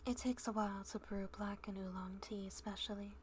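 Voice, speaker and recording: A woman voicing a prim, formal young woman who loves tea, speaking in a soft whisper with polite, formal wording. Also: mid-range voice, fairly even intonation, brisk, a little hiss or hum, close to an everyday voice. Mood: concerned.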